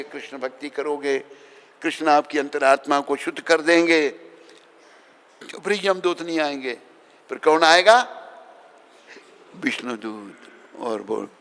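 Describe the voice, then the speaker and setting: A man's voice: mid-range voice, gravelly, fairly bright tone. A man, a swami, giving a devotional sermon with stories, speaking emphatically and calling out questions to his audience. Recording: reverberant hall sound.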